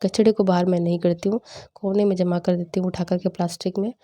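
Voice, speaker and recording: A young woman in casual voice-over narration for a home vlog, chatty and animated as she retells family banter. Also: on the low side, quick pace. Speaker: vlogger.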